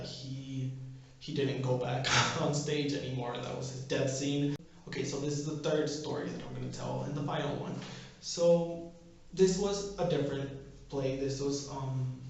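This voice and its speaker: A man's voice: a little high, darkish tone. A young man tells casual, comedic stories in a rambling, self-deprecating way, recorded in an echoing bathroom. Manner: self-deprecating, chuckles through rambling anecdotes. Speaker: vlogger telling personal stories. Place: bathroom, indoors. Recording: echoing bathroom, distant mic, slightly dull.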